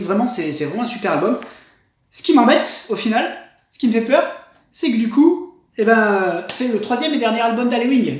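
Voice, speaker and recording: Enthusiastic male reviewer, rambling delivery, fairly high voice, strong room echo. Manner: enthusiastic, rambling with many fillers and restarts. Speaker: comics reviewer. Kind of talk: casual review monologue. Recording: very echoey room.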